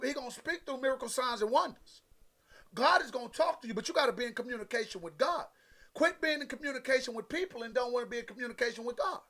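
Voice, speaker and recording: Very high-voiced man preaching emphatically. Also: fairly bright tone. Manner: emphatic, repetitive preaching with direct address to listeners; conversational, folksy phrasing. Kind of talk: motivational sermon.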